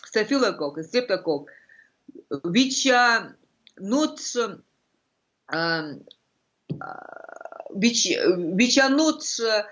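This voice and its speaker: Middle-aged woman, Russian accent, unhurried and hesitant, searching for words, muffled lo-fi video call. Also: medium pitch, very animated, fairly bright tone. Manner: halting, searching for words, fragmented phrases. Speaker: interview guest. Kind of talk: unscripted interview explanation. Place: furnished room indoors. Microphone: video call computer microphone.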